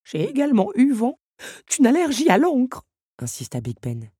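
A woman's voice: on the high side, huge pitch swings, moderate pace, dark tone, slightly rough, no echo, clean studio sound, voice pushed up, heavily acted. A woman voicing a pompous, gloomy old clock who predicts disaster dramatically. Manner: grim, dramatic.

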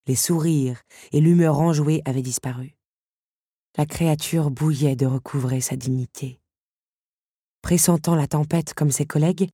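A woman reading a storybook chapter aloud. Her voice is warm and mellow, recorded dry and close. She tells the story expressively, with plenty of drama. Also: sits low, breathy edge, no room sound. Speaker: audiobook narrator. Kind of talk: storybook narration.

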